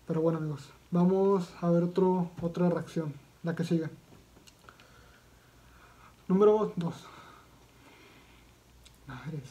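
A man's voice: sits high, warm tone. A man with a Mexican accent doing casual reaction commentary as a video vlogger, talking in a slangy, profane way with lots of fillers and restarts.

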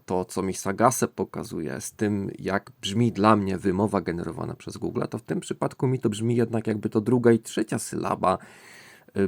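Male lesson host, low gravelly voice, dry close sound, musing and unhurried in his explaining. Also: no room sound. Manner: thoughtful, musing, pauses to search for words. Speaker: language-learning channel host. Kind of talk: explanatory screen-recording lesson.

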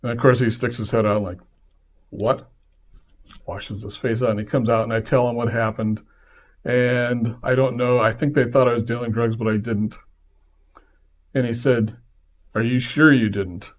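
A man's voice: medium pitch, moderate pace. A man hosting a podcast, telling a personal story casually and acting out the voices of the people in it. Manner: lively, acts out quoted voices in his stories. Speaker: podcast host.

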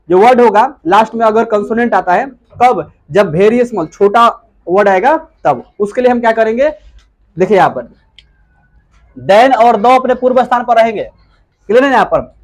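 With a very high voice, a man lectures on English grammar classroom-style, repeatedly posing questions and answering them himself while slowly repeating key words.

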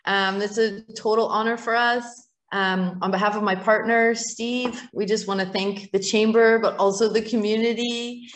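A woman's voice: mid-range voice, fairly even intonation, normal speed, hardly any pauses. A woman who owns a business gives a chatty thank-you speech for an award, with many fillers and restarts. She speaks from a distillery still room, and her voice echoes around it. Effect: room echo around the voice. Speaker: business owner accepting an award.

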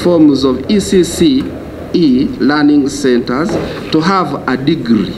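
Man at a committee desk mic, emphatic and halting, noisy room. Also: on the high side. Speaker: association chairperson petitioning. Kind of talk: formal address to a committee. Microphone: desk microphone.

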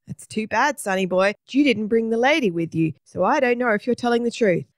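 A woman's voice: fairly high pitch, brisk, dry recording, clean studio sound, pitched above the performer's own voice, natural voice. A woman voicing a stubborn, chatty male ice cream seller in a storybook. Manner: fussy, stubborn.

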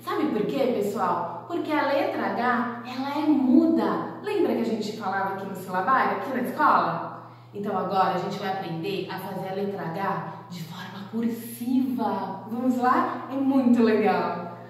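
A woman teaching a children's handwriting lesson in a sing-song, encouraging way, slowing right down on each stroke. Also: mid-range voice, far from the mic. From Brazil. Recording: echoey room, voice from off-mic.

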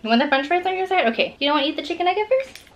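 A woman's voice: very high voice, expressive, racing, a little hiss or hum. A woman hosting a casual mukbang vlog, chatting upbeat and playful with a child beside her. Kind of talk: casual chat to camera.

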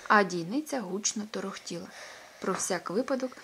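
A woman narrating a children's audiobook, with a hushed, breathy delivery. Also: mid-range voice, moderate pace, slight background noise. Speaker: storyteller.

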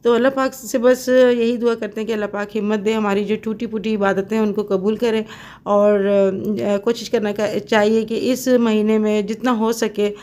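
A woman's voice: medium pitch, level tone, normal speed, dark tone. A middle-aged woman from Pakistan talking casually to her viewers in a home kitchen while cooking, chatty and devout, with many fillers. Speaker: cooking vlogger.

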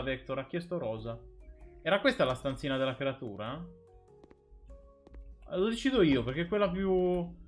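A man's voice: mid-range voice, a bit bright. A man streaming a game live, chatting and joking with his viewers as he plays. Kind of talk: casual live gameplay commentary.

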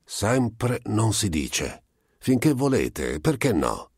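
A man voicing a pious wandering vagabond who speaks slowly and solemnly and sometimes erupts in fury, in a storybook reading. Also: fairly low pitch, sing-song, darkish tone, slightly rough, no room sound, clean studio sound, pitched above the performer's own voice, full character voice. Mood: earnest calm. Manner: slow and solemn, bursting into fury.

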